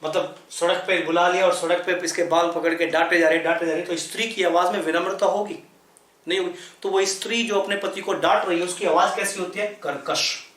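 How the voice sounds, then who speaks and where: A man's voice: high-pitched, steady tone, brisk, a bit bright, roomy sound. A man teaching English vocabulary in a lesson, repeating words, spelling them letter by letter and asking rhetorical questions. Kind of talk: explanatory classroom lesson.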